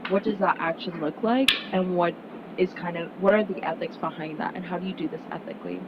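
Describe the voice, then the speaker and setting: Talking fairly quickly, this young Miami student addresses prospective students at an info session in an earnest, conversational way, often saying "like" and "um." The sound is muffled, with a steady rumble in the background.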